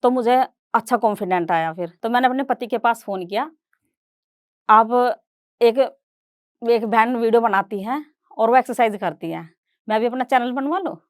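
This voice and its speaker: A woman's voice: fairly high pitch, moderate pace, long pauses, dry recording, clean studio sound. A middle-aged woman giving a stage talk, retelling her family story and voicing relatives in quoted dialogue. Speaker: guest speaker.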